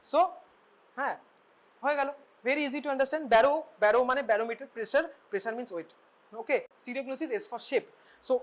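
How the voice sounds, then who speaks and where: Quick, bilingual woman lecturing medical students. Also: a little high. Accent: Bengali. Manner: switches between English and Bengali, quick asides with questioning tag words. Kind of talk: classroom lecture.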